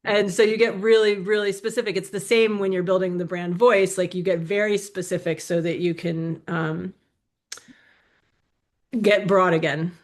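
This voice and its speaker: A woman's voice: fairly low pitch, level tone, moderate pace. A woman speaking as a guest in a casual interview, chatty and full of little fillers.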